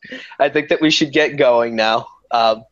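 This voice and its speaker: A man hosting a casual conversation, talking haltingly with restarts. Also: mid-range voice, a bit bright, no echo, muffled recording. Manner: halting, restarts, slightly tongue-tied. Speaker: host.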